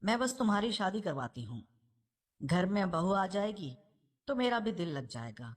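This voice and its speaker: Woman doing a stern middle-aged mother in a storybook, sharp and defensive, mid-pitched. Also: very animated.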